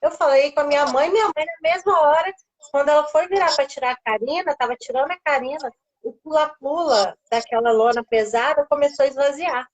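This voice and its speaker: Her voice high and brisk, a Brazilian Portuguese–accented woman appears as a live stream guest to share a personal story of faith. She performs the voices of the people she quotes, and the audio is muffled.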